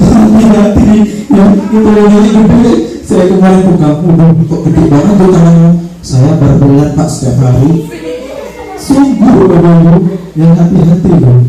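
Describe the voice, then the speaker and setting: A man leading a teachers' workshop, joking and laughing often as he acts out classroom examples for his audience. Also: a little high. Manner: playful, laughs often, addresses audience as ladies and gentlemen. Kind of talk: workshop presentation with role-play examples. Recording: roomy echo, distant mic, faint music.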